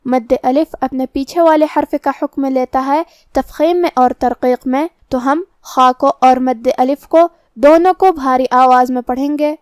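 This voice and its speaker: A woman teaching Quran recitation, calmly explaining pronunciation rules and then reciting verses slowly with long held sounds. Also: high voice, clean tone, no room sound, studio quality. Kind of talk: tajweed lesson with slow recitation.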